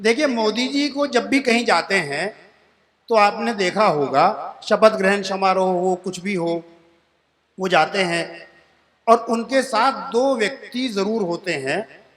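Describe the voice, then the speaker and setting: This sixtyish male comic poet performs humorous recitations and anecdotes at a live poetry event, chatting with the crowd as friends and repeating every couplet line ahead of the punchline. He speaks slowly in a high-pitched, fairly bright voice.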